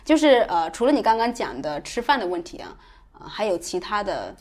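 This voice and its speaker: A woman's voice: mid-range voice, sing-song, fairly quick. Female interviewer, middle-register voice, informal chatty questioning. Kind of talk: casual conversational interviewing.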